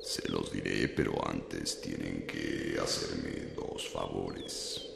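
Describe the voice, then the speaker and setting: A man playing an ancient, dying talking pine tree in a children's audio drama, ponderous and gravelly. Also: fairly even intonation, slow pace, noisy background, exaggerated voice. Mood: slow, weary. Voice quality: deep, gravelly.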